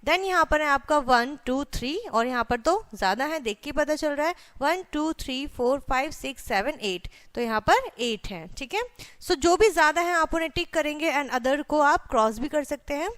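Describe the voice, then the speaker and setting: A woman's voice: high-pitched, expressive, normal speed, a bit bright. A woman teacher walking young children through a math workbook, counting aloud and spelling out number names letter by letter, mixing English into her Hindi and checking in with them often. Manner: addresses children directly, frequent "theek hai" check-ins; mixes English words into Hindi speech. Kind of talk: children's math lesson walkthrough.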